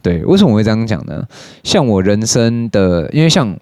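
A young man with a Taiwanese Mandarin accent tells a casual, rambling story into a close, dry studio mic. His voice sits fairly low, and he curses freely between his stories. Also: very animated, a little fast, dark tone, no room sound. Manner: swears often, jumps into high-pitched mimicry of others. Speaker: podcast host.

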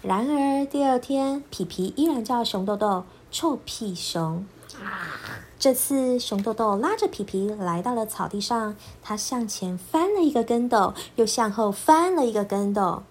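A woman storyteller narrating a children's storybook in an expressive, lilting voice. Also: fairly high pitch, a little hiss or hum. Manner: expressive, lilting, slow and clear.

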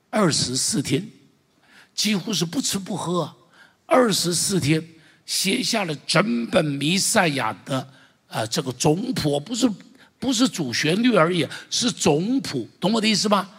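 Male pastor, middle-aged, fervent sermon style with loud calls to the congregation; raspy timbre, long hall echo. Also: high voice, big pitch swings, a little slow. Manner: fervent preaching with loud exclamations, urging the congregation to repeat. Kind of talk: impassioned sermon. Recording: long church-hall reverb.

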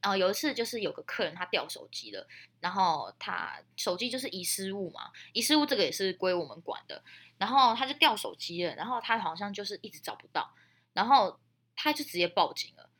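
A woman's voice: mid-range voice, big pitch swings, a little fast, a bit bright. A young woman with a Taiwanese Mandarin accent hosting a podcast, telling stories and giving advice in a chatty, colloquial, emphatic way. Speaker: podcast host. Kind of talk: casual storytelling with friendly advice.

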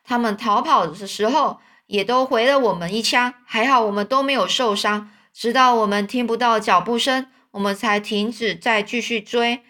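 A woman's voice: fairly high pitch, sharp tone. A woman reading as a kind old man. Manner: kindly, talkative. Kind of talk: storybook reading.

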